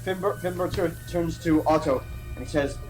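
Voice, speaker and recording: A man chatting casually and excitably as a tabletop game player. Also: fairly high pitch, normal speed. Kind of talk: casual chat. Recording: music behind the voice.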